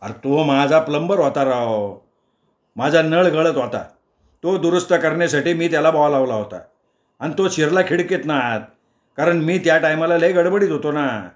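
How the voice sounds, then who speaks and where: A man's voice: on the high side, lively intonation, normal speed, echoey room, natural voice. A man voicing an exasperated middle-aged male neighbour who scolds and accuses in an agitated way, in a storybook reading. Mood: explaining.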